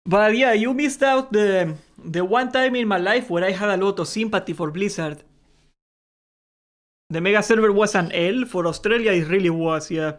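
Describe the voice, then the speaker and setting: A young man hosts a gaming livestream in a loose, joking chat with his viewers. His voice sits high for a man. He laughs easily, swears casually, and rambles along in a friendly, offhand way. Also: normal speed. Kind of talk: casual live-stream chat.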